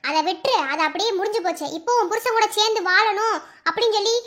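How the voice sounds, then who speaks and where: A woman's voice: extremely high pitch, quick pace. A woman voicing a fierce, outspoken married sister-in-law who scolds and lectures in a Madurai Tamil accent. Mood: lecturing. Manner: scolding, lecturing, sharp-tongued.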